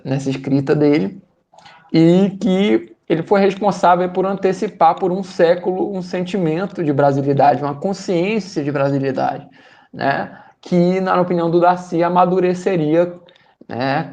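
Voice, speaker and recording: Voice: medium pitch, creaky, warm tone. A speaker with a Brazilian accent summarizing a book for a study group, hesitant, with many fillers and repeated words.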